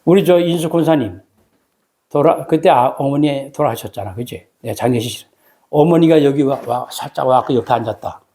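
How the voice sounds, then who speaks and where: A man preaching a sermon as pastor, telling the story with lively acted-out voices and calling for amens from the congregation. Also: medium pitch, normal speed. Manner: animated storytelling, acts out voices of biblical figures.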